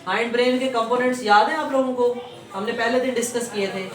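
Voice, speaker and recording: A man's voice: very high voice, steady tone, fast talker, echoey room, recorded from a distance, crowd noise. A male teacher gives a classroom lecture, calling his students "beta" and repeating his own questions and answers.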